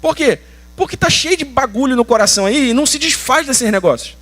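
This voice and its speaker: Brazilian pastor guy, high voice, preaching casual and punchy, slangy. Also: lively intonation, fairly quick, a bit bright. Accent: Brazilian Portuguese. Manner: colloquial, emphatic preaching with slangy asides. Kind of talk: sermon.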